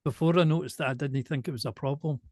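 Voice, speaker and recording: A man from Glasgow with a softened Glaswegian accent, speaking slowly and precisely in a casual interview. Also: a little high, slightly rough, dry recording. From Glasgow, Scotland. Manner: slow, careful, deliberate delivery with restarts. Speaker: show presenter and singer, interviewee.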